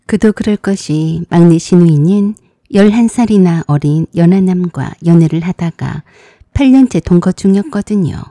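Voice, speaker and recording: A woman calmly narrating a family story in the first person, in an even storytelling manner. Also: on the low side, normal speed, dry recording, studio quality.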